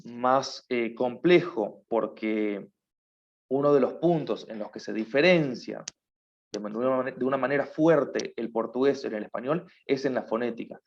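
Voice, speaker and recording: A man's voice: medium pitch, normal speed. Patient male teacher, dull lo-fi sound. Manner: explains patiently, often checks with a questioning "right?". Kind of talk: online class lecture.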